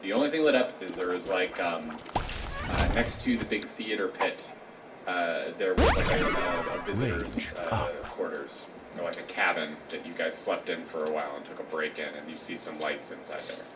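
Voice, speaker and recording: Deep-voiced man narrating as game master. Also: moderate pace. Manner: meandering with frequent fillers. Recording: echoey room, distant mic, background noise.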